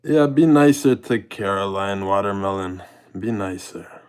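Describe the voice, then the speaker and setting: With a smooth, darkish, fairly low voice at a measured pace, a young man streams IRL in public. He has mixed Jamaican and British heritage and chats easily with viewers, thanking chatters by name.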